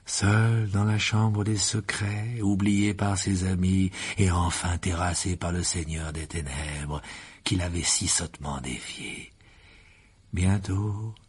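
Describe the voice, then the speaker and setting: A man voicing a young male dark wizard, cold and gloating, who taunts slowly and drops into whispers. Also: on the low side, steady tone, husky, heavily acted.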